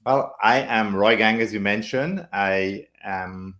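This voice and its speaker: A man's voice: lowish voice, slow, a bit bright. A man from Guyana, a guest in an interview, telling his story in a friendly, expansive way with rhetorical asides. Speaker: guest, public speaking leader.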